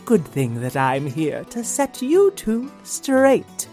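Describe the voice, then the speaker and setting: A haughty storybook queen voiced by a woman, laying down the law in slow, rhyming lines. Her voice leaps up high and drops low as she drawls each word. Soft music plays faintly underneath. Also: very animated. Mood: bossy. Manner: slow, sing-song rhyming delivery with wide pitch swings. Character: bossy, commanding female queen. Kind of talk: children's storybook reading.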